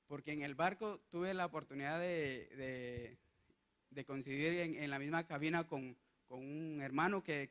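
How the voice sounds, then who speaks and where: A young Guatemalan man giving an earnest testimony sermon, halting often with restarts and fillers. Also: fairly high pitch, a bit bright. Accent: Guatemalan Spanish. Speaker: lay preacher.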